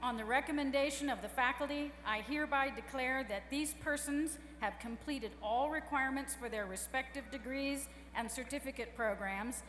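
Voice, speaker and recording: A woman gives a formal podium speech as a university official. Her voice sits somewhat high. It rings through a very echoey hall with a faint hum of noise behind it. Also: a bit bright. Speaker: university administrator presenting graduates. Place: large hall over a PA system.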